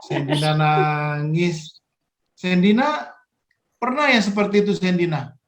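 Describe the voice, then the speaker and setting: A man's voice: sits high, unhurried, roomy sound. A man leading a children's Sunday school session over a video call, coaxing the kids with playful questions. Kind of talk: children's online worship Q&A.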